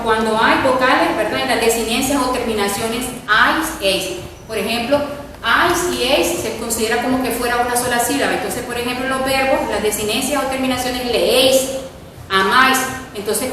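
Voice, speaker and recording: A woman's voice: fairly high pitch, noisy background. A woman teacher giving a spelling lesson, repeating points and often checking in with the class. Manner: repetitive, checks with students using ¿verdad?. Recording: echoey room, mic far off.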